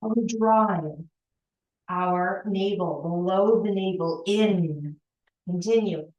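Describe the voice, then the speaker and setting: A woman's voice: lowish voice, slow, a little mellow, dull audio. A woman leading a workout as an aerobics instructor, giving short, encouraging cues and counts, recorded in a roomy, echoing space. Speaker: fitness instructor. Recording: roomy, echoing indoor sound.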